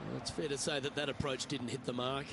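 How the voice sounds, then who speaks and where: A man giving measured, understated play-by-play as a golf commentator. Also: medium pitch, little pitch movement, heavy background noise.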